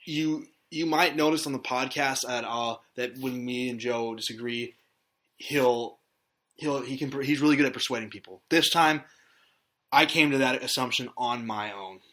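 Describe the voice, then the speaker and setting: A man's voice: mid-range voice, normal speed, bright, forceful tone. A man hosting a casual podcast chat, recapping a story in a rambling way with hesitations. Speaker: podcast host.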